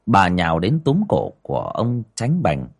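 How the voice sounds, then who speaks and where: A man's voice: deep voice, wildly swooping pitch, a little slow, vocal fry, husky. A man narrating a horror story with dramatic storytelling. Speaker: audiobook narrator.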